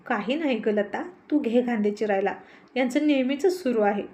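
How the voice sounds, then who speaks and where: Storybook wife, bashful and gently scolding, a woman reading, mellow and slightly high. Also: normal speed, natural voice. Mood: affectionate. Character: good-humored, bashful housewife.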